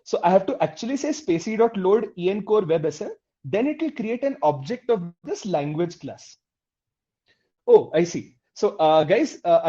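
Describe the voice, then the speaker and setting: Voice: mid-range voice, mellow. An instructor teaching a live online coding class, explaining step by step, putting questions to the class and often checking in with "okay?" and "right?". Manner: addresses the class directly with questions. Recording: dull, muffled lo-fi audio.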